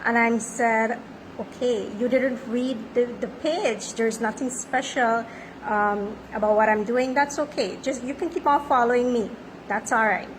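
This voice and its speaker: A woman's voice: on the high side, fairly even intonation, unhurried, a little hiss or hum, poor audio. A woman in her thirties, a life coach, speaking in a confident, self-affirming motivational monologue. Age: 30s.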